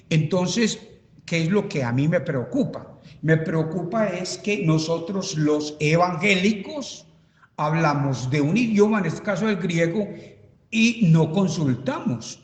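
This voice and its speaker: A man, a pastor, teaching a Bible study in a church, speaking haltingly and emphatically, repeating points as he writes them on a board. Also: sits high. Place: church hall. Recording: reverberant church hall.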